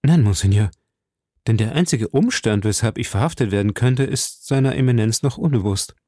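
A man voicing a proud, fearless young musketeer who speaks earnestly and forcefully. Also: medium pitch, moderate pace, dry recording, clean studio sound, natural voice. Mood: defiant.

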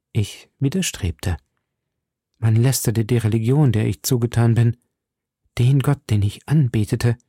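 A man's voice: medium pitch, warm tone, husky, no echo, clean studio sound, heavily acted. A man reading an audiobook and voicing a cunning, seductive female prisoner with theatrical pleading. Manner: pleading, theatrical, sometimes scornful.

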